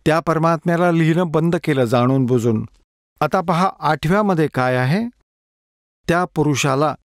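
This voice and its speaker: Man preaching with a fairly high voice. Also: no echo, studio quality. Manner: explains verse by verse, repeats key words slowly. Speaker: preacher giving a dubbed sermon. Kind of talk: sermon reading scripture.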